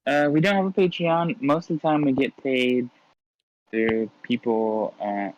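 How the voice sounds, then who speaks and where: A man's voice: mid-range voice, fairly even intonation, measured pace, muffled recording. A man appearing as a guest content creator, answering casually and briefly. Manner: brief, laid-back answers. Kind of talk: casual interview chat.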